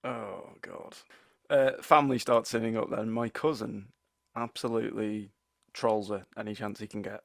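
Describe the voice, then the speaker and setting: Gravelly young man telling a story. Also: on the low side, steady tone, moderate pace, no echo, studio quality. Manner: laughing, wry storyteller. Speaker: podcast co-host. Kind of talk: casual storytelling chat.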